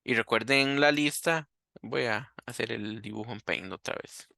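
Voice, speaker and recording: A man's voice: mid-range voice, normal speed, gravelly, pushed and bright, no room sound, clean studio sound. A man teaching a coding lesson, thinking aloud and asking himself questions as he works. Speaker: programming teacher. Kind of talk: screen-recorded coding lesson.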